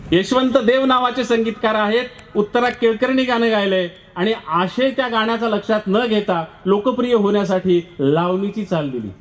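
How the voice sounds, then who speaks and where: A man's voice: sits high, moderate pace, hardly any pauses, a little hiss or hum. A man, a poet and professor, giving a public lecture where he recites verses and then explains them in plain speech.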